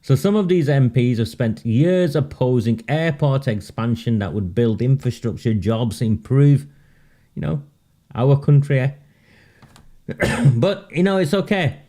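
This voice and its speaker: In a mellow, expressive mid-range voice at a measured pace, a political commentary host streams a live monologue. His tone is sardonic and emphatic; he often laughs at his own points and repeats words for weight.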